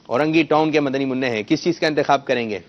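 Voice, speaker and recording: A man's voice: medium pitch, a little hiss or hum. A man hosting a children's quiz show, coaxing the kids and correcting their pronunciation. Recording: muffled lo-fi broadcast sound.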